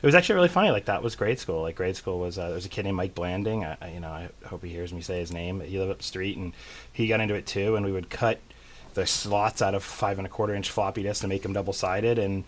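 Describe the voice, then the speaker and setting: A middle-aged man from central Massachusetts, the CEO of a tech company, chats as a guest in a casual interview, rambling and poking fun at himself with plenty of fillers. His voice is low-pitched and quick, and there's a slight hiss or hum in the recording.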